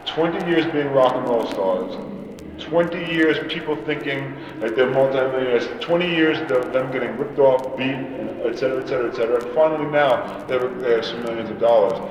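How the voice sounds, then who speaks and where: A man's voice: medium pitch, fairly quick, dull audio, background noise. Man, emphatic rant, echoey room, mic far off. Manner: emphatic, ranting, repetitive. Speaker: band member interviewed. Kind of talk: animated interview talk.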